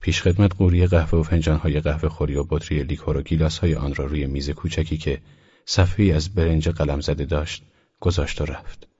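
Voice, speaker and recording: A man narrating an audiobook in a steady, measured reading voice. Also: very deep voice, breathy edge. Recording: dull lo-fi recording.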